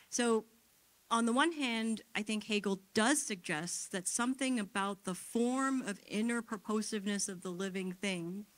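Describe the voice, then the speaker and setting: A woman speaker answering questions after her conference talk in a theater, thoughtful and halting with frequent restarts. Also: mid-range voice, fairly bright tone. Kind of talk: academic Q&A.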